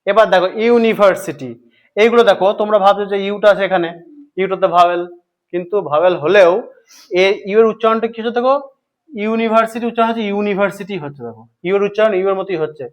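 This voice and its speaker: A man with a Bengali accent teaching English grammar, asking his students questions and answering them himself, repeating key points slowly. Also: high-pitched. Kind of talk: explanatory grammar lesson.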